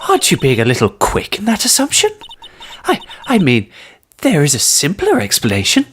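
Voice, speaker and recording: A man voicing a flustered high-voiced woman witness. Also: wildly swooping pitch, normal speed, fairly bright tone, breathy edge, exaggerated voice. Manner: defensive, flustered.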